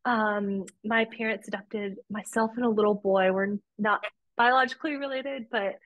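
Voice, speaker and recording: A woman's voice: medium pitch, steady tone, moderate pace, no room sound, narrow, tinny audio. A woman from Romania, a podcast guest and policy advocate, telling her story earnestly with frequent restarts. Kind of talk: conversational interview.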